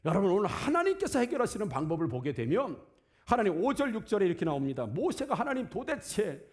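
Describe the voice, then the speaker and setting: Pastor guy preaching in church, high voice that swings all over, chatty rhetorical questions. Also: huge pitch swings, quick pace, a little mellow. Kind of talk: sermon. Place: church sanctuary.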